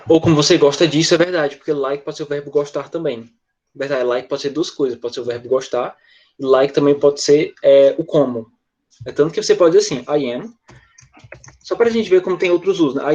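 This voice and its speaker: A man with a Brazilian Portuguese accent teaching English in an online class, chatty and joking, slowing down to model English phrases. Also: on the high side, darkish tone, dull audio.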